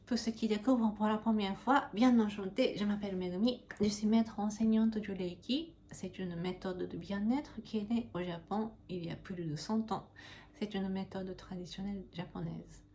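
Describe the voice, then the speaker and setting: A woman's voice: mid-range voice, normal speed, warm tone. Hesitant woman vlogging, with background noise. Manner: hesitant, searching for words. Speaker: Reiki master teacher and channel host. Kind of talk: casual explanatory vlog to camera.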